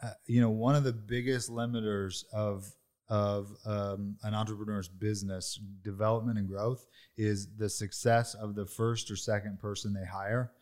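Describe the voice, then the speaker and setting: A man's voice: fairly low pitch, little pitch movement, normal speed, darkish tone. A man hosting a casual business conversation, coaching his guests in an emphatic way and laughing easily. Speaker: podcast host.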